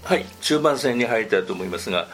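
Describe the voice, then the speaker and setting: Man hosting a lively technical chat. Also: mid-range voice, fast talker, soft background music. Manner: frequent agreeing backchannels. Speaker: radio show host. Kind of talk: casual technical interview.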